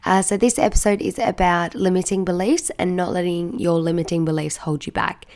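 Croaky, low-voiced woman hosting a podcast. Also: fairly even intonation, fairly quick, a little mellow. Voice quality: croaky, hoarse frog voice from a bad cold and cough. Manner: chatty, informal, many "like" asides. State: sick with a croupy cough. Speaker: podcast host. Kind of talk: casual solo podcast talk.

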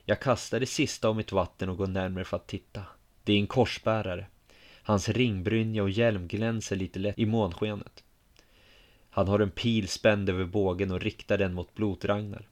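A man with a fairly low voice narrating a story in the first person. He tells it calmly, at a measured and quiet pace.

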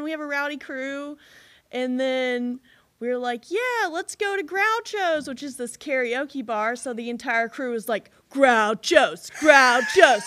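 A woman's voice: high-pitched, fairly bright tone. A woman from Louisville with a Kentucky accent, telling stories casually as a podcast guest. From Louisville, Kentucky, United States. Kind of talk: casual conversational storytelling.

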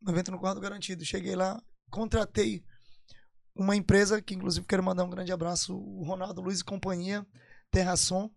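A man from Parintins tells his story as a guest musician, in a gravelly voice with plenty of fry. He talks emphatically and repeats phrases for weight. The recording is dry and close. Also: sits high, flat delivery, a little fast, no room sound. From Parintins, Amazonas, Brazil. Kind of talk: casual storytelling.

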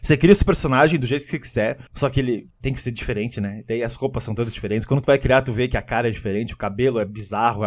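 A man chatting casually and animatedly about a video game, often laughing and acting out what people say. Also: medium pitch. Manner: animated, laughing, acts out quotes.

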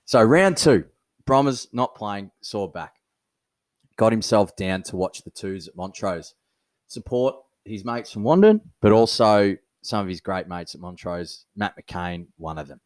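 This podcast co-host has an Australian accent and a fairly low voice, and he keeps a measured pace while spinning stories in casual talk. Animated and quick to laugh, he's captured in a dry recording.

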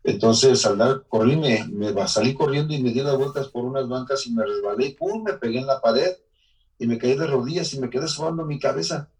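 A Mexican-accented man recounts his own life in an interview, earnest and emotional, now and then stopping to restart a sentence. His pitch sits in an ordinary middle range. The voice sounds a little distant from the microphone. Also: brisk, darkish tone. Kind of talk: personal life testimony.

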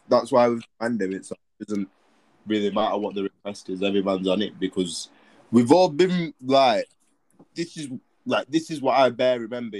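Young male, slightly deep, London roadman accent and slang. Casual anecdotal chat, dry recording. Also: darkish tone, no room sound, low-quality recording. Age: young adult.

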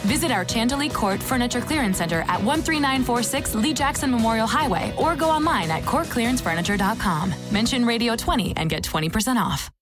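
Female announcer, higher register, hard-sell store commercial over a prominent music bed. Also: expressive, brisk, hardly any pauses. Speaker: advertisement announcer. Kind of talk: hard-sell retail ad read. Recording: phone-like band, music behind.

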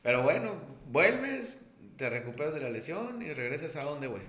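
A man's voice: on the high side, very animated, moderate pace, fairly bright tone. A man from Mexico hosting a podcast, talking in a laid-back, slangy way with lots of short interjections. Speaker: podcast host. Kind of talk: casual interview. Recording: echoey room with faint background noise.

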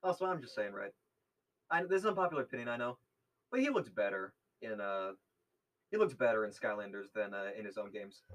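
A man's voice: on the low side, animated, fairly bright tone. A young man co-hosting a podcast, telling chatty stories in casual talk. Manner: quick, chatty, nostalgic storytelling. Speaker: podcast co-host. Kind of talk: casual chat.

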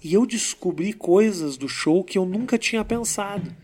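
A man with a notably high-pitched voice chats casually with a fellow comedian. He speaks slowly and deliberately, letting pauses do the work. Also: a little mellow. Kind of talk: casual interview chat.

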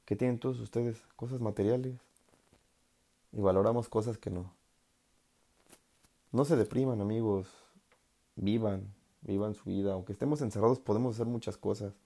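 Mellow-voiced joking Mexican man. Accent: Mexican Spanish. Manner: joking, laughing, mocks others in put-on high voices. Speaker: scout talking to an audience. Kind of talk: casual monologue.

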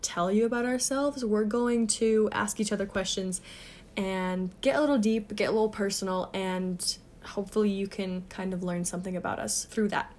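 A Texas woman in her twenties co-hosts a podcast, telling stories in a chatty, giggly casual conversation. Her medium-pitched voice is a little mellow, with fairly even intonation and a moderate pace.

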